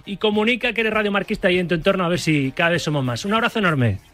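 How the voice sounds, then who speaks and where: Male sports radio host from Spain, lively and jokey, high bright voice. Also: soft background music. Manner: energetic, joking, quick asides.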